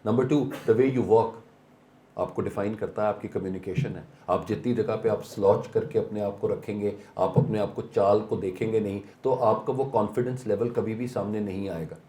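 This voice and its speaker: A man's voice: fairly low pitch, fairly even intonation, mellow, slight background noise. A man giving a motivational seminar talk, mixing English phrases into Urdu and asking rhetorical questions. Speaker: seminar speaker. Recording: echoey hall.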